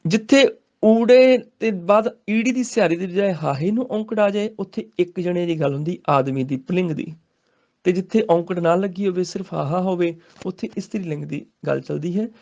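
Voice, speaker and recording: A man from Punjab with a Punjabi accent, teaching the pronunciation of Sikh scripture. He recites each verse slowly and with weight, then explains the correct pronunciation in quick, plain speech. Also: sits high, creaky, a little mellow, muffled recording. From Punjab, India. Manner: slow, drawn-out chanting of verses, then brisk explanations. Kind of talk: recitation with spoken pronunciation lessons.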